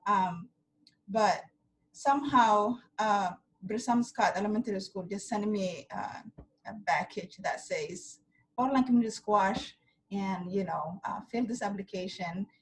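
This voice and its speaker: Mother, heartfelt testimony, many pauses. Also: medium pitch, rough recording. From Somalia. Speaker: parent. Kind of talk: personal testimony at a community meeting.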